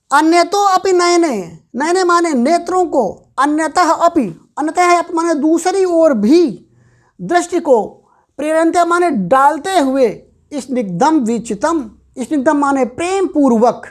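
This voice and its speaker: A woman with a high-pitched voice teaches a classical verse at an unhurried pace. She repeats each word and then explains it, one term at a time. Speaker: Sanskrit teacher.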